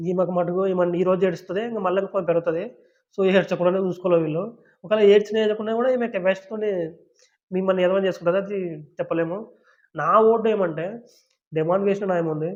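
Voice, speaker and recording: Fast, blunt man ranting in lo-fi. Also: high voice, a little mellow. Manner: blunt and mocking, talks straight to viewers. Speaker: YouTube commentator. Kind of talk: opinionated reality-show commentary.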